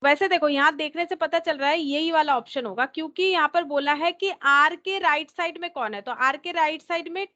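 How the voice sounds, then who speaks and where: A woman teacher with a high voice walks through a problem, repeating each step as she thinks it out. She slips English terms into her explanation. The recording sounds a little dull and lo-fi. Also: fairly quick, few pauses, sharp tone. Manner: mixes English terms into Hindi. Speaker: reasoning teacher. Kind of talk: explaining a test question.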